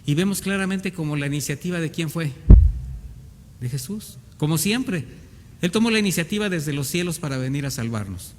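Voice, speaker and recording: A man's voice: a little high, expressive, normal speed. A male pastor, delivering an earnest sermon in church and acting out the voices of doubting believers. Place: church hall. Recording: reverberant church hall, faint background noise.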